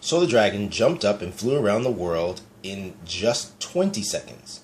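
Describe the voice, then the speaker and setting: A man reading a picture book aloud to young children in a low, gentle voice. He talks in a relaxed, chatty way and stops often to point things out in the pictures. A faint hiss sits behind him. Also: measured pace. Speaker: storyteller.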